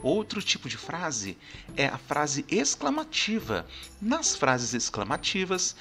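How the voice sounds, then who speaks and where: Slow, lively-pitched male teacher. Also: soft background music. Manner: explains step by step, often checking in with "né?" and "tudo bem?". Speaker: language teacher. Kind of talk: recorded grammar lesson.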